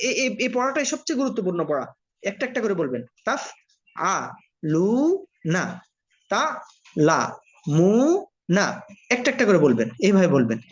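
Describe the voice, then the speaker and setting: A man from Bangladesh, teaching Quran reading by spelling letters one at a time and blending them slowly, asking his learners questions. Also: high voice. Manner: addresses learners directly, asks and answers own questions. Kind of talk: slow spelled-out recitation lesson. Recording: dull lo-fi audio.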